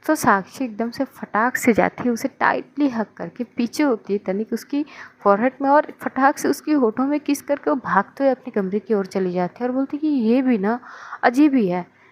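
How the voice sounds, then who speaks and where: A woman's voice: on the high side, moderate pace, dull audio. A woman narrating a serialized love story in a casual, conversational way. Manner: conversational, warm sign-off wishes.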